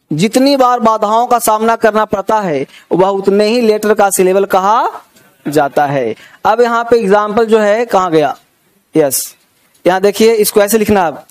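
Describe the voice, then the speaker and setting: A man teaching a grammar lesson, often checking that students have understood and coaxing them along, with an Indian accent on English words. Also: high voice. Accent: Indian English words in Hindi.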